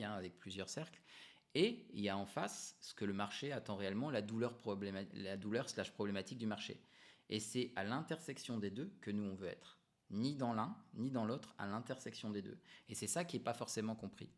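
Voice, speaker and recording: A man coaching entrepreneurs to camera in a relaxed, unscripted way, explaining ideas with emphatic repetitions and frequent hesitations. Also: fairly low pitch. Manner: frequent hesitations and self-corrections. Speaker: business coach.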